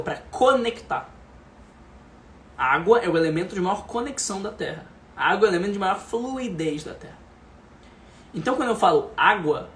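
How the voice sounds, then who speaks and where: A man's voice: a little high, slight background noise. Emphatic man coaching. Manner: emphatic and repetitive, often dropping to a soft calm voice. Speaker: leadership and speaking coach. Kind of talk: motivational lesson.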